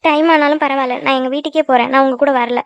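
Woman doing a high quick-talking jealous girlfriend in a cartoon, sulky and snappy, dry close sound. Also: steady tone, muffled recording, heavy background noise. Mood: sulky, scolding. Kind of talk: cartoon voice acting.

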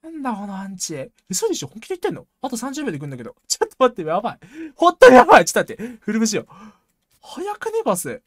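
A woman streamer talking to herself through a tense match in rough, slangy, excitable speech. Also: fairly high pitch, very fast, no room sound, clean studio sound. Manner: jumpy, excitable self-talk, rough slangy speech, frequent laughs. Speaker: game streamer. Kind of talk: live gameplay commentary.

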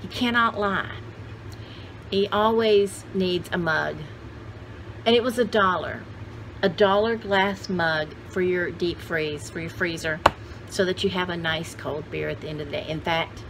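A woman in her sixties hosts a vintage haul video channel, chatting casually in a folksy, jokey, rambling way from an indoor home studio with shelves. Her voice is medium-pitched. The background is noisy.

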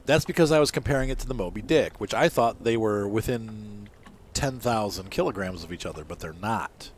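A man's voice: on the low side, expressive, fairly quick, slight background noise. A man reviewing a fishing game as he plays, talking casually, often correcting himself mid-sentence and apologizing. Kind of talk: casual gameplay commentary.

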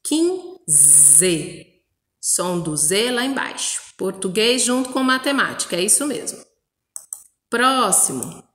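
A woman's voice: on the high side, expressive, a little slow, pushed and bright. A woman from Brazil teaching a math lesson to young children, speaking patiently and sounding out words for them. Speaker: primary school teacher. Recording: echoey room with long reverb.

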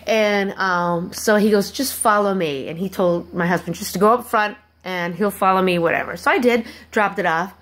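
A woman telling a personal story to her viewers in a halting, rambling way, with many restarts and asides. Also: mid-range voice. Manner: animated when acting out quoted people. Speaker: vlogger.

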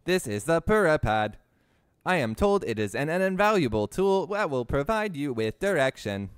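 A man's voice: on the high side, sing-song, normal speed, clear, resonant tone, no echo, clean studio sound, voice pushed up. A man doing a stiff robot voice. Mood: formal. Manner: stiff, formal reading of the game's text. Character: stiff robotic male construct guide, formal. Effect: put-on robot voice, no filter. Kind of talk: reading in-game text aloud during a gameplay video.

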